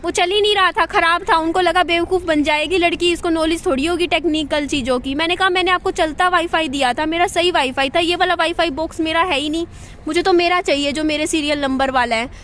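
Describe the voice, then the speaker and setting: High-voiced woman venting casually. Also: brisk, fairly bright tone, a little hiss or hum. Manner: chatty, venting, repeats herself. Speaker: vlogger. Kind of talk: casual vlog monologue. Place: at home.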